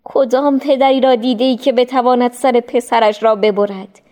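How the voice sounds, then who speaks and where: A composed, faithful mother from a storybook, read by a woman in an even, unhurried voice close to plain narration. She answers with quiet assurance. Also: a little high, natural voice. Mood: calm. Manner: calm, composed. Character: calm faithful mother, unshaken. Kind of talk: storybook reading.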